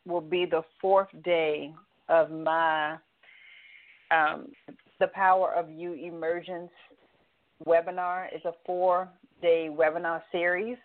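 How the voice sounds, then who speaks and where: A woman co-hosting a call-in radio show as a life coach, speaking in an upbeat, motivational way. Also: sits low. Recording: tinny phone-line sound.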